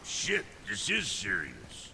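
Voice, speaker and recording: An actor playing a boastful, crude-humored blacksmith dwarf in a video game, brash and jokey. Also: male voice, lowish voice, huge pitch swings, takes it slowly, vocal fry, bright, forceful tone, a little hiss or hum, exaggerated voice.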